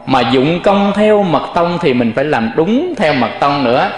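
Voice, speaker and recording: Male monk teacher, slightly high voice, patient sermon delivery, roomy echoing hall with long reverb. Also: big pitch swings, moderate pace. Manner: explains patiently, often addressing listeners directly, demonstrates chant tones. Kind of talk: dharma talk with chanting demonstrations.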